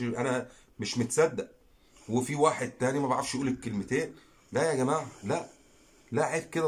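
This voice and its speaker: Looking directly into the camera, a fishing channel host with an Egyptian Arabic accent pleads earnestly, repeating phrases to drive his point home. His voice is medium in pitch.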